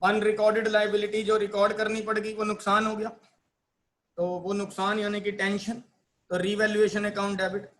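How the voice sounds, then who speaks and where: A man's voice: sits high, monotone, normal speed, a bit bright. A man teaching accounting in a playful lecture, acting out joy and dismay and quizzing his students. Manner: asks students questions and answers them himself. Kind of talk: classroom lecture.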